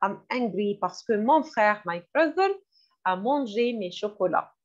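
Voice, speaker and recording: A woman teaching French vocabulary in a classroom lesson, repeating each word slowly and glossing it in English. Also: medium pitch, expressive. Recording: dull lo-fi recording.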